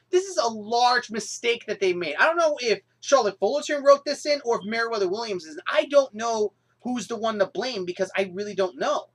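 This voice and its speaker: A young woman vlogger reviewing a cartoon episode in an exasperated, animated rant with sudden outbursts. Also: medium pitch.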